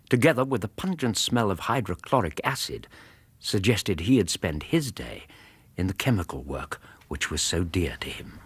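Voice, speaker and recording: A loyal British doctor and storyteller for a radio drama. His low voice moves through a lively range with a husky edge. He phrases like a well-read gentleman, genial and measured. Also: dry recording, heavily acted. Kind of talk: radio drama narration and dialogue.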